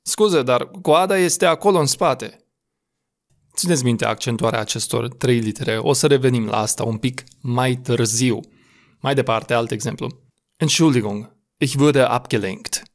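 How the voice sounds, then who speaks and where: A man teaching a recorded language lesson, carefully stretching out and repeating each example phrase before explaining it. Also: mid-range voice. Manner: slow, deliberate enunciation of example phrases.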